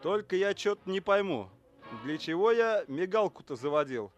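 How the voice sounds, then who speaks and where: A man reading the part of a calm police officer who thinks things over and speaks in a measured, reasonable way. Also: sits high, faint music behind. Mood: pondering. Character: calm, pondering adult male cop partner. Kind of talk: audiobook character reading.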